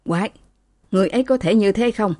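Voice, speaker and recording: A woman's voice: medium pitch, fast talker, dark tone, no room sound, natural voice. A woman voicing a stern, short-tempered old father who speaks in a curt, reproving way.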